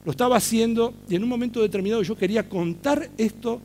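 Middle-aged Argentine man, high voice, lively talk speaker who quizzes the audience. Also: fast, a little hiss or hum. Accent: Argentine Spanish. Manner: animated storytelling, asks the audience questions. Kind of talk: public talk to a live audience.

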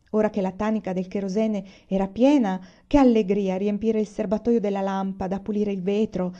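A woman reads a novel aloud with expressive storytelling. Her voice is dark and mellow at a middle pitch. The recording is dull and lo-fi. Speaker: reader. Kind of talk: audiobook reading.

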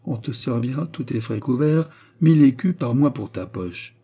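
A man voicing a scheming, mocking baronet of about thirty, raising his voice to sound smooth, teasing and coldly calculating in an audiobook reading. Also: medium pitch, expressive, moderate pace, dark tone.

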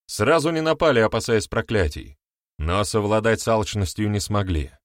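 A man's voice: lowish voice, animated, normal speed, no room sound, clean studio sound, lightly acted. A man voicing a stern, commanding male village sorcerer in an audiobook, firm and declaiming. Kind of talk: audiobook reading.

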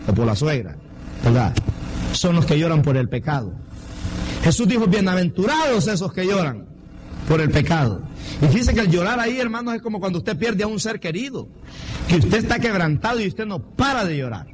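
A middle-aged man preaches a fervent sermon, his fairly high voice climbing to emphatic peaks. Steady background noise and passing traffic run under the recording. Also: fairly quick, rough recording. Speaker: pastor.

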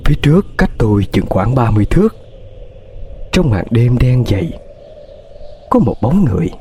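A man's voice: mid-range voice, very animated, moderate pace, mellow, a little hiss or hum. A man narrating a ghost story in a tense, dramatic way, with hesitations.

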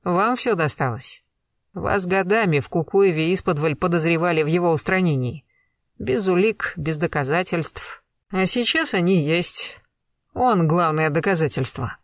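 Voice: medium pitch, animated, moderate pace, no room sound, clean studio sound, close to an everyday voice. A reader voicing a stern former colonel who interrogates a suspect relentlessly in an audiobook. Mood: accusing. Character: stern commanding male investigator, a former colonel. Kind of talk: audiobook character reading.

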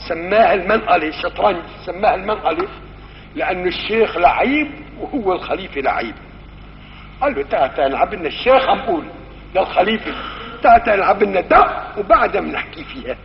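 Recorded long ago in an echoing hall, this muffled clip has a bit of background noise and features a Syrian-accented man giving a religious lesson. He speaks high and fast with vocal fry, very animated, acting out his stories' dialogue in changing voices.

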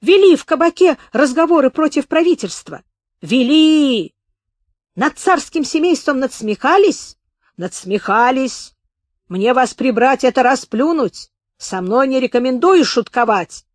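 A woman reading a story aloud, voicing a stooped male detective with a hoarse, sinister voice who turns spiteful and shrill. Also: fairly quick, hardly any pauses, no echo, studio quality, close to an everyday voice. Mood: menacing. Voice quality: hoarse, hissing.

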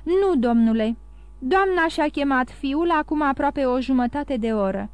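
A woman's voice: high-pitched, animated, darkish tone, no echo. A woman voicing a respectful male household valet who answers in a polite, matter-of-fact way. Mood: deferential.

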